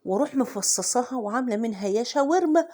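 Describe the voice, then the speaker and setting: High-voiced Egyptian woman lamenting comically. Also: animated, fast talker, warm tone. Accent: Egyptian Arabic. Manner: dramatic, self-mocking comic lament. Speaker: vlogger. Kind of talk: casual home vlog chat.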